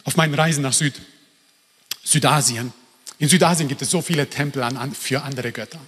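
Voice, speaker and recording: A man preaching a sermon in a lively, emphatic way, turning to the congregation with asides. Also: medium pitch, brisk, breathy edge, in a large hall. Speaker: pastor.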